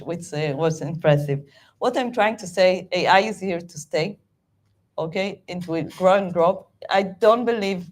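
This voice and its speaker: A middle-aged woman, a native Hebrew speaker with an Israeli accent, speaks at a meetup as a guest and VP of project management. Her talk is animated but halting, with many fillers and restarts, in a lowish voice.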